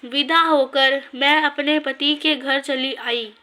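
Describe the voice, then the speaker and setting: A woman reading a story aloud in a measured, scripted narration. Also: sits high, steady tone, pushed and bright.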